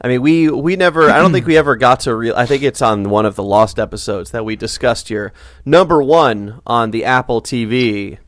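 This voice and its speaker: A man co-hosting a podcast in casual chat, with a measured delivery and dry, deadpan jokes. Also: medium pitch, no room sound. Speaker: podcast co-host.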